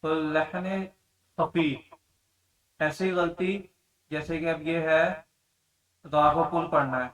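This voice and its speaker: Male Quran tajweed teacher, slightly high voice, explains then chants slowly, mic set back. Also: fairly even intonation, fairly bright tone, recorded from a distance, poor audio. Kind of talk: tajweed lesson with demonstrations.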